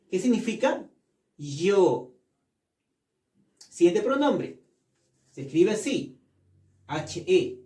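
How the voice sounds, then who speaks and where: High mellow guy teaching a class real slow, repeats stuff, kinda far off the mic. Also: roomy sound. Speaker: English teacher. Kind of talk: classroom lesson.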